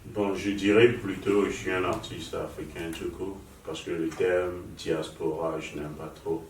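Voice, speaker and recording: A man, answering interview questions as a guest musician, in halting, hesitant phrases. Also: low-pitched, steady tone. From Nigerian father, raised in Lomé, Togo. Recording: echoey room, mic far off, faint noise.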